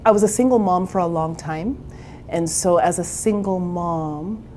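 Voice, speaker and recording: A woman's voice: fairly low pitch, measured pace, a little mellow, slight background noise. A woman in her forties from Canada, a therapist and entrepreneur, telling her own story in a candid, chatty interview. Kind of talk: personal interview.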